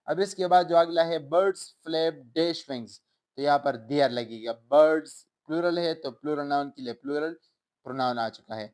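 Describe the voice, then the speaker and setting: A man with a Pakistani accent teaching a lecture, explaining English grammar and vocabulary in Urdu and reading example sentences slowly. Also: fairly high pitch, a little mellow, smooth.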